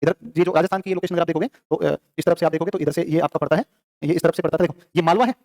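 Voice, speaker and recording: Male classroom teacher, rapid-fire drilling, high voice, dry close sound. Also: darkish tone, no echo. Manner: quizzes students, answers his own questions; fast, repetitive drilling. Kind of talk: classroom lecture.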